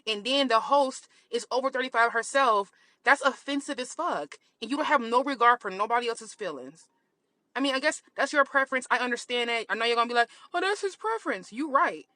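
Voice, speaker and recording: Woman going off in a rant video, bright higher voice, super dry sound, cussing and scolding. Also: lively intonation, brisk, dry recording. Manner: blunt, scolding, profane. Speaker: commentator reacting online.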